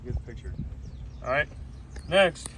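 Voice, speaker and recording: A man's voice: medium pitch, animated, normal speed, sharp tone. A man instructing trainees on an artillery call for fire, emphatic and directive, repeating key points. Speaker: military instructor. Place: outdoors under camouflage netting in a field. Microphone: phone held among the seated trainees. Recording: noisy outdoor phone recording.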